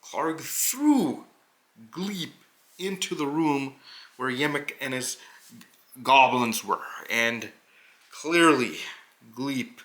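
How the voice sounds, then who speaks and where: A man voicing a noble, earnest hobgoblin adventurer who recounts a tabletop quest with deliberate, halting phrasing and dramatic pauses. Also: mid-range voice, expressive, fairly bright tone. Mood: earnest recounting. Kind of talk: in-character narration of a tabletop adventure.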